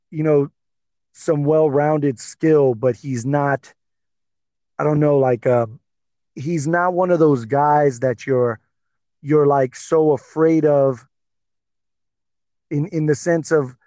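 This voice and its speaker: Rambling, excitable man talking fights. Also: medium pitch, no echo. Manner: excitable, rambling with many fillers. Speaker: podcast co-host. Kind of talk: casual sports chat.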